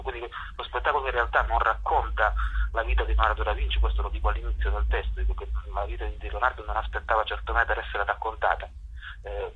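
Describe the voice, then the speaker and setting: Heard through a dull lo-fi phone or radio line, a playwright and actor talks as an interview guest. He has a husky, medium-pitched voice and a reflective manner, groping for words and frequently repeating himself.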